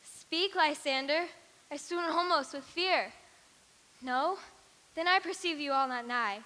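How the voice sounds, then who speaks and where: A woman's voice: high voice, measured pace, bright, forceful tone. A woman playing an earnest young noblewoman in love in a school stage play. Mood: frightened. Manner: earnest verse. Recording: echoey hall.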